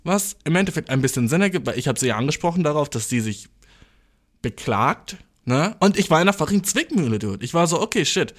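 A young man telling a funny story casually, animated, swearing a lot and mixing in English slang. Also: on the high side, fast.

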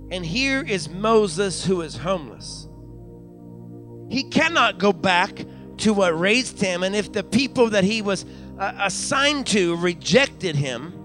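A young pastor preaches to his congregation in a church sanctuary. His voice sits high and sounds bright and forceful, with soft music under him. He repeats lines for emphasis and drops in hallelujahs as he builds. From United States. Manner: preaching with frequent hallelujahs and call-outs to the congregation; repeats phrases for emphasis, building to raised climaxes. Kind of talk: live church sermon. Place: church sanctuary during a live service.

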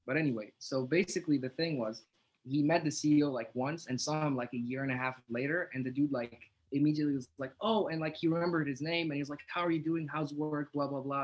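Casting: young male podcast co-host, lightish higher voice, chatty slangy storyteller among friends. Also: low-quality recording. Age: young adult. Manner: slangy, heavy use of "like" and "bro". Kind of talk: casual storytelling and banter.

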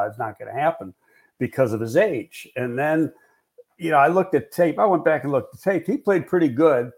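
Male football analyst host, mid-range voice, frank and analytical, casual delivery with fillers. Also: mid-range voice. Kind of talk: casual football podcast talk.

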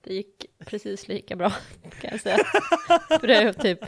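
A woman in a casual podcast chat, with a wry tone and offhand swearing. Her voice sits at an ordinary middle pitch for a woman. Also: steady tone, gravelly.

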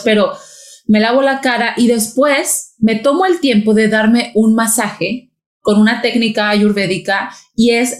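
A woman with a Mexican accent hosting a casual talk, lively and chatty, often mimicking other people's voices. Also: a little high. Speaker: podcast host. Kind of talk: casual conversation. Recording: echoey room.

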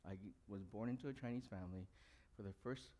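In a warm, lowish voice and talking fast, a young adult man preaches a conversational sermon, asking his congregation questions. He is a pastor who grew up in an English-speaking country, with Cantonese as his first language.

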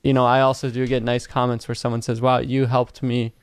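A man hosting an interview, speaking in a relaxed, thoughtful way with frequent fillers. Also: mid-range voice, fairly quick, smooth, dry recording. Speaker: interview host. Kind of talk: casual interview chat.

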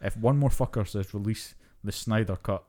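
Young guy on a podcast, lowish voice, swears a lot, rants away casually. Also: normal speed. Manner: profane, ranting, animated. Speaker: podcast co-host. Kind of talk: casual chat.

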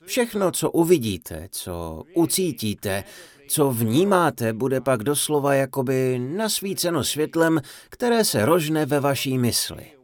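A man delivers a humorous dharma talk as a playful storyteller. His pitch sits in an ordinary middle range, but it swings widely and expressively from line to line. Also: big pitch swings. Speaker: Czech voice-over of a Buddhist teacher's talk.

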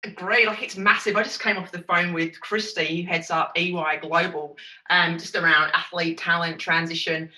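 A woman with an Essex accent speaks in a very bright, sharp voice, upbeat and emphatic as she chats in an interview. She sounds roomy and set back from the microphone. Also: fairly low pitch, fairly even intonation, moderate pace. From Essex, England. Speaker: podcast guest, chief executive. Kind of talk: enthusiastic interview conversation. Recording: roomy echo, distant from microphone.

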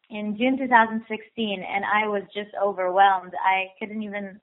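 Woman heard over a tinny phone line. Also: mid-range voice. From Israel. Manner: eager, repeats words for emphasis. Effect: heard over a telephone line. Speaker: guest actress. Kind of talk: phone interview.

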